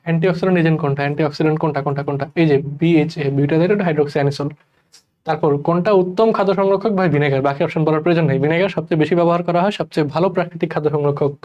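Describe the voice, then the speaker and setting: A young man from Bangladesh teaching chemistry in a rushed exam-prep lecture, repeating key terms and calling his students brother. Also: a little high, fairly even intonation, a little mellow, dull audio. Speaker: chemistry tutor. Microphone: recorded voice-over for class slides.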